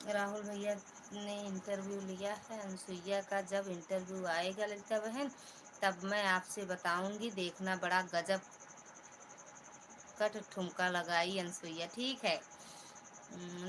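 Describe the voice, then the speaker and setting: A middle-aged woman with an Awadhi accent, hoarse from talking, casually chatting with viewers on a live stream and greeting them by name. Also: medium pitch, background noise. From Pratapgarh region, Uttar Pradesh.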